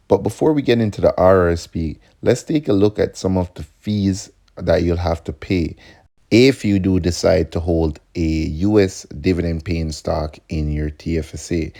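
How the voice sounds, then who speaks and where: A man's voice: low-pitched, mellow. A man hosting an investing video channel, explaining topics in a casual, upbeat way and calling the viewers "guys" again and again. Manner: upbeat, addresses viewers as guys, repeats points. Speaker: host of a stock investing channel.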